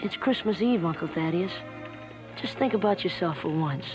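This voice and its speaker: A young actor playing an earnest, gentle young man who speaks softly and pleads hesitantly, in 1960s TV western acting. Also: high-pitched, lively intonation, normal speed. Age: young adult. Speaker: young singer visiting his uncle. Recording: dull vintage TV soundtrack with music.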